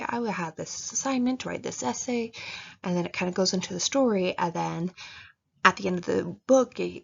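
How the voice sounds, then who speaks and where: A woman's voice: fairly low pitch, vocal fry, slightly rough. A woman giving casual writing advice in a chatty way, with lots of fillers, and acting out how readers react. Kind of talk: casual instructional talk. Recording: dull lo-fi recording.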